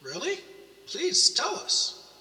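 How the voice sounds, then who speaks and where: A man playing an earnest, excitable young investigator in an audio drama. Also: very high voice, slow pace, full character voice. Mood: inquisitive. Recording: echoey hall, distant mic, music behind.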